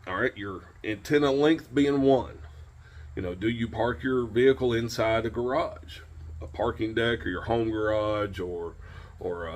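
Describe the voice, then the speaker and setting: Husky and mid-pitched, a man in his forties hosts a hands-on tips video, explaining informally and plainly while repeating key points. He addresses a camera a step or two away as he demonstrates outdoors in a home driveway beside a pickup truck.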